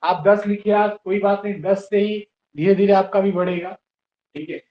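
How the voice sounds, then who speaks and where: Male teacher, high voice, spells words out slowly, patient, roomy dull lo-fi classroom sound. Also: steady tone. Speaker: English teacher. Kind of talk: classroom lesson.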